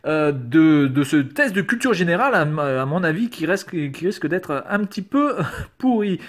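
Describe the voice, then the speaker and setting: Very animated, with a fairly high voice at a moderate pace, this man reads out quiz questions and answers them in a casual screen-recorded YouTube commentary. He sounds sarcastic and hesitant, with occasional swearing.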